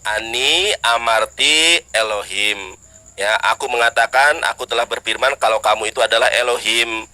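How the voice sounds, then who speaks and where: A man's voice: steady tone, normal speed, bright, forceful tone. A Sundanese man debating on a video call, pressing and challenging the other side. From West Java, Indonesia. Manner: challenging, insistent, chants scripture in high sung tones. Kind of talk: live debate.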